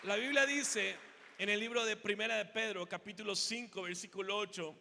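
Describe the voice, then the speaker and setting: A Mexican pastor preaching a sermon, asking the congregation questions and building up to shouts. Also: male voice, sits high, steady tone, normal speed, gravelly, some chatter behind, a little hiss or hum. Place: church hall. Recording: reverberant hall.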